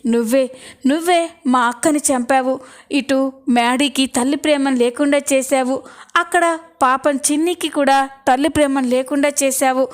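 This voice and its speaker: A woman voicing a young woman who fiercely accuses her brother-in-law, read in her own high voice in a storybook retelling. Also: fairly even intonation, moderate pace, close to an everyday voice. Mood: furious. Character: young woman, angry sister seeking truth.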